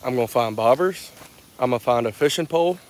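A man's voice: medium pitch, expressive, fast. A young man, chatting casually to a phone camera while fishing outdoors on a lake. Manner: easygoing, chatty, talks while working. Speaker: fishing vlogger. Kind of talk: casual outdoor vlog narration. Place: outdoors on a lake in a boat and on a wooded bank. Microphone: handheld phone at arm's length.

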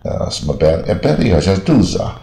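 A very deep-voiced older man teaches English words in a loose, rambling way, ending phrases with a drawn-out "ah". The sound is roomy and echoey. Faint keyboard typing sits behind him. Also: sing-song, vocal fry, warm tone. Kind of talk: explaining vocabulary lesson.

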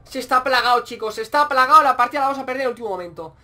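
A young man with a Spain Spanish accent giving excitable gameplay commentary, repeating phrases in quick bursts. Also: extremely high pitch. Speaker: gaming YouTuber.

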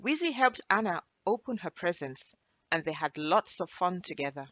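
A woman reading a children's storybook aloud in a gentle, expressive way. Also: fairly low pitch, moderate pace, dry recording.

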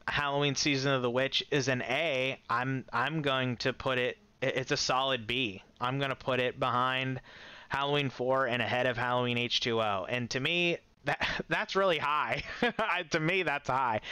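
A man's voice: medium pitch, pushed and bright, smooth, no echo. A man giving a casual, enthusiastic movie-ranking commentary, chuckling often and rambling with restarts. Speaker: movie reviewer.

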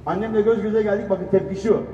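Male stand-up storyteller, high and dark-toned, animated, recorded distantly in a reverberant hall. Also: fast talker, a little hiss or hum. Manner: animated, acts out quoted voices. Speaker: stand-up storyteller, radio presenter. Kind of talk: comic storytelling on stage. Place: event hall. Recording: echoey hall, far from the mic, dull sound.

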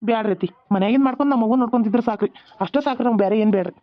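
Earnest village men of a homemade cartoon, all voiced by one man, talking fast in a North Karnataka accent. His voice sits fairly high, and the sound is thin and phone-like. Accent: North Karnataka Kannada. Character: village men, a son-in-law and a father. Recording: tinny phone-like recording.

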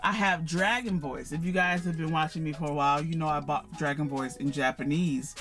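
A man's voice: on the high side, steady tone, fairly quick, a bit bright, faint music behind. A man giving a casual tour of his manga collection at home, chatty and self-correcting, laughing at himself and calling his viewers y'all. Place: home room with shelves.

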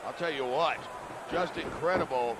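A man's voice: fairly high pitch, moderate pace. A man giving conversational color commentary as a wrestling commentator. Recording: loud arena crowd noise, TV broadcast. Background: roaring crowd and ring thuds.

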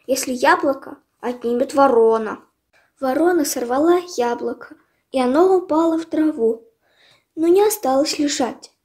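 A woman reading a children's fairy tale aloud in calm storybook narration. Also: sits high.

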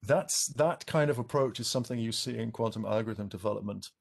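A man's voice: fairly low pitch, brisk, gravelly. A man, an expert on a panel over a video call, explaining at length with many ums and restarts.

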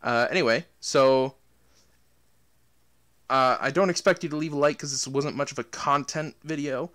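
Casual gaming YouTuber, smooth clear voice. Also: male voice, mid-range voice, moderate pace, a bit bright. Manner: rambling, many fillers and restarts. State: out of breath. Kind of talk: casual outro talk to viewers.

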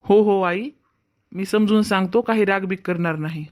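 An earnest, dutiful young husband and son in a cartoon family drama, voiced by a woman. He lectures his wife in a steady, mid-pitched voice. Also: moderate pace, lightly acted.

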